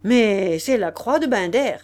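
A man's voice: high-pitched, lively intonation, measured pace. A woman voicing a boastful aristocratic marquis. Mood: indignant. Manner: emphatic, salesman-like bluster. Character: boastful smooth-talking aristocratic marquis, man.

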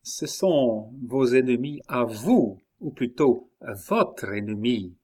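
A man voicing a shrewd, scornful old queen mother who speaks cuttingly and rises into high, sharp exclamations, in a dramatized audiobook reading. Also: animated, slow pace. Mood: cold.

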